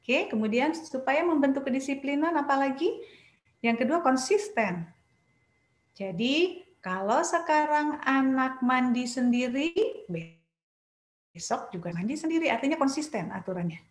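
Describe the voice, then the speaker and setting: A woman's voice: high-pitched, animated, a little slow, long pauses. Woman psychologist giving parenting advice. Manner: explains in numbered points, addresses parents directly. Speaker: child psychologist. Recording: echoey room.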